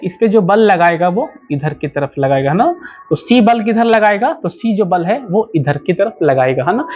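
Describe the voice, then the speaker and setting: A man teaching physics at a board, explaining slowly and over and over, asking questions and answering them himself. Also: high-pitched. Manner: keeps asking and answering his own questions; slow, repetitive explaining. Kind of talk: whiteboard lecture. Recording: slightly dull lo-fi sound.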